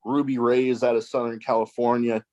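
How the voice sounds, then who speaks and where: A man's voice: mid-range voice, little pitch movement, normal speed, a little mellow, dull audio. A man hosting a podcast interview, talking casually and hesitantly with many restarts and "you know" fillers. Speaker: podcast host.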